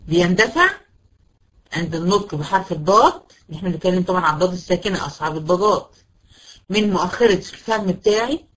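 A woman with an Egyptian accent gives a recitation lesson to a class of women. She explains patiently, poses her own questions and answers them, and keeps repeating short syllables to demonstrate each sound. Her pitch sits in a middle range. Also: rough recording. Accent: Egyptian Arabic. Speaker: Quran recitation teacher. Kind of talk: tajweed lesson to female students.

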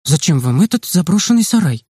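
A man's voice: fairly high pitch, very animated, fairly quick, breathy edge, dry recording, clean studio sound, voice pushed up. A man putting on a stern camp nurse. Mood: puzzled, coaxing. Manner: scolding then amused, sharp exclamations. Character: stern camp nurse, adult woman, scolding.

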